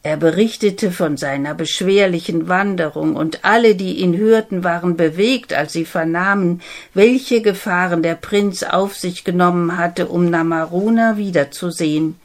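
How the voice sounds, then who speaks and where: Eine Frau, die ruhig und gemessen ein Märchen vorliest. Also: female voice, lowish voice. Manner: slow, calm, measured. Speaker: storyteller. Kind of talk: fairy tale reading.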